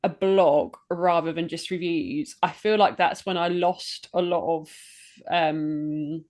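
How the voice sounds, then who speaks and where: A woman's voice: fairly low pitch, steady tone, slow, darkish tone. Chatty British woman podcaster. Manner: chatty, laughs often, searches for words. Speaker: podcast co-host and metal blogger. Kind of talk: casual podcast chat.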